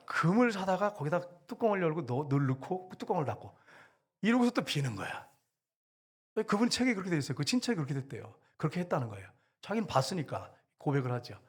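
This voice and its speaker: Emphatic preaching man, slightly high voice. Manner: earnest, emphatic preaching with dramatic retellings. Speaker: pastor. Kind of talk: sermon.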